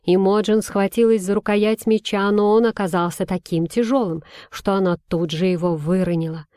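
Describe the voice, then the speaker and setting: A woman reading a children's fantasy story aloud, with clear, even storytelling. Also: medium pitch, moderate pace, dry recording, clean studio sound. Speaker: audiobook narrator. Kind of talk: scripted storybook narration.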